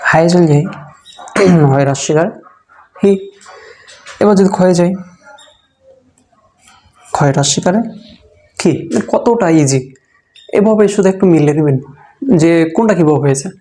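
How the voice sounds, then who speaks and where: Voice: mid-range voice, normal speed, long pauses, mellow. A Quran reading teacher giving a step-by-step recitation lesson, patiently repeating each letter sound aloud.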